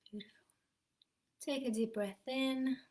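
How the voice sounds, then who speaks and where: A young adult woman, an energy healer, softly leading a guided meditation in a slow, half-whispered voice. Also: high-pitched.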